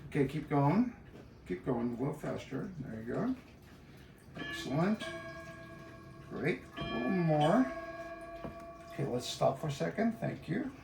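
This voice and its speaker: A middle-aged man with an Austrian accent, a chef walking through a cooking demonstration in a relaxed, instructive way with many "uh" fillers. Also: a little high, unhurried, vocal fry, pauses often, over music. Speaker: guest chef. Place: home kitchen. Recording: echoey kitchen from far off, faint hiss.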